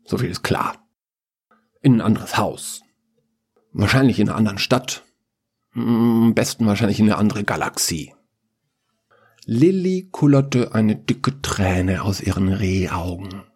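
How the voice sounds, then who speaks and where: A man's voice: fairly low pitch, lively intonation, a little slow, pauses often, darkish tone, husky. A man narrating a family story in a playful, wry way, then bantering casually. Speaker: podcast host and storyteller.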